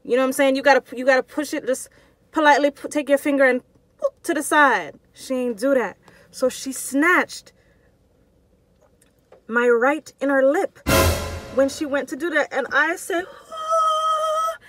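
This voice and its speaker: A woman vlogger telling a personal story to her viewers in a casual, expressive and slangy way. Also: high voice, fairly quick, slight background noise.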